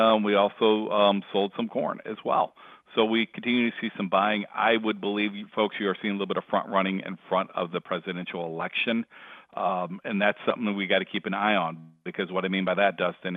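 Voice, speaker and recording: A man giving a market report over the phone, in a brisk, repetitive way with restarts. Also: lowish voice, dry recording. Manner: brisk, repeats himself and restarts. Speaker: market analyst. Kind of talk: market commentary. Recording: tinny phone line.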